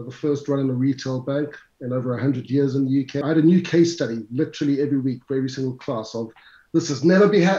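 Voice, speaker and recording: A middle-aged South African man who teaches finance as a CFA instructor answers interview questions as a guest, chatty and lecturing, tossing asides to the audience. His voice is medium-pitched and mellow, and the recording sounds roomy and slightly dull.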